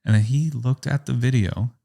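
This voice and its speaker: A young man, a photographer, telling a story in a casual podcast interview, rambling and animated, with a lot of "like" and acted-out quotes. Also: mid-range voice, moderate pace, vocal fry. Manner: animated, rambling, heavy use of "like", acts out quotes. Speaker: photographer and business owner, podcast guest.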